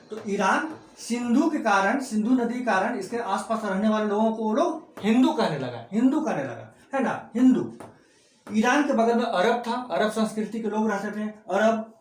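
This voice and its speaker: A man teaching a class, repeating key words and asking rhetorical questions. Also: high voice. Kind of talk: classroom lecture. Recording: echoey room.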